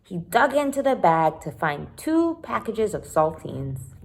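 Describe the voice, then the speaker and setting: In a sing-song, medium-pitched voice at a measured pace, a woman reads a children's chapter book aloud like a teacher. She reads expressively, dropping in short explanatory asides for young listeners.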